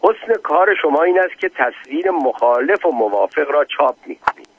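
A man's voice: fairly high pitch, expressive, slightly rough, no echo, voice pushed up. A man voicing a curt army general. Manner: curt, commanding. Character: decisive middle-aged male army general. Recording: tinny lo-fi phone-like recording.

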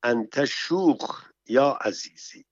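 A man's voice: mid-range voice, animated, dry recording, lightly acted. Man voicing a formidable, curt bride. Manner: terse, slow mock-Arabic questions. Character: formidable, brash bride, strong woman. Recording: dull, muffled audio.

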